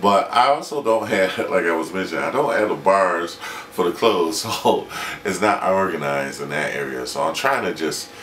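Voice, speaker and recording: A man in his late forties talking through a personal video diary from his kitchen, halting and reflective with many restarts. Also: deep voice, lively intonation, fairly bright tone, roomy sound, far from the mic, a little hiss or hum. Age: 40s. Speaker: independent filmmaker and vlogger.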